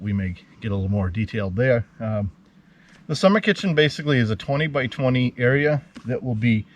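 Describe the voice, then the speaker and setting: A man's voice: mid-range voice, slight background noise. A man hosting a homestead vlog, out of breath and talking casually with lots of fillers as he walks through an outdoor building site. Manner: relaxed, rambling, with many fillers. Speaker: homesteader host.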